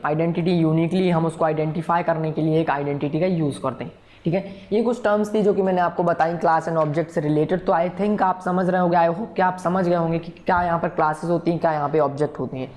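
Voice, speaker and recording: A man's voice: on the high side, fairly even intonation, brisk, darkish tone. Male coding instructor, patient and repetitive, keeps checking the class follows. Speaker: programming instructor. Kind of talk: recorded coding tutorial lecture.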